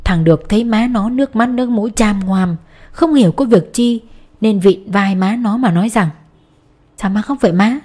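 Mellow woman narrating a novel. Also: mid-range voice, normal speed. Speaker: audiobook narrator. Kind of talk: scripted narration.

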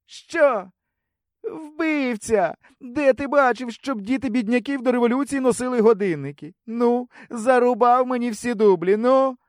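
Fussy film director played by a man, high, jumpy voice, barking orders. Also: big pitch swings, normal speed, recorded from a distance. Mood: whiny. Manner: shouting commands, turning whiny.

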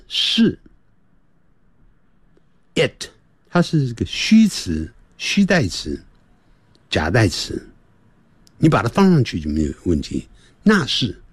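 A man giving a radio English lesson, repeating short phrases over and over and slowing right down to model the sounds. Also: medium pitch, husky, no room sound. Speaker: English teacher.

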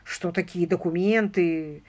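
A woman's voice: lowish voice, unhurried, darkish tone, slight background noise, close to an everyday voice. A woman doing a careful older lawyer. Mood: measured, explaining. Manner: careful, qualifying explanations. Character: measured older male lawyer, dryly humorous. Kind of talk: audiobook character reading.

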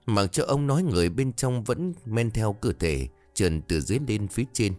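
A man's voice: lowish voice, lively intonation, fairly quick, a little mellow, soft background music. A man narrating a scripted ghost story, raising his voice for the characters' frightened lines.

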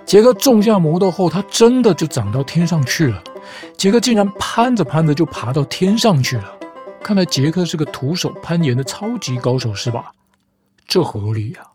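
Retelling fairy tales on his podcast, a man adds teasing, playful, mock-reasonable commentary while guitar music plays. His fairly high voice is very animated and darkish in tone, delivered at a moderate pace.

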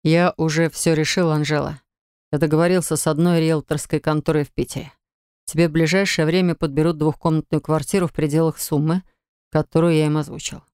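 A woman reading the lines of a calm, decisive husband in an audiobook, matter-of-fact. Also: low-pitched, brisk, smooth, no echo, studio quality. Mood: firm. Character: cool, decisive husband, grown man. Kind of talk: audiobook character voice.

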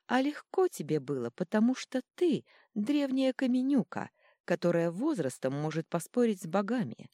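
A woman's voice: mid-range voice, very animated, moderate pace, warm tone, dry recording, clean studio sound, pitched above the performer's own voice. A woman voicing a mischievous, smug little god of chaos who teases and purrs his lines. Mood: teasing. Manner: teasing, smug, purring. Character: mischievous invisible male chaos godling.

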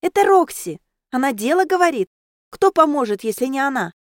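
A bright, squeaky schoolgirl bubbling over with cheer, as a woman reader puts her on. Her pitch jumps high and lively in a dry, close storybook reading. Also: brisk, dry recording. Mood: bubbly. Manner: chirpy, eager, high-pitched. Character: cheerful bubbly teenage girl in mouse costume.

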